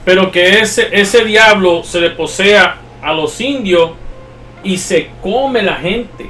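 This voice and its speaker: A man's voice: high-pitched, slow, sharp tone, a little hiss or hum. A man hosting a casual chat, explaining things in a lecturing way with many restarts. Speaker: podcast host. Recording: echoey distant mic with faint music.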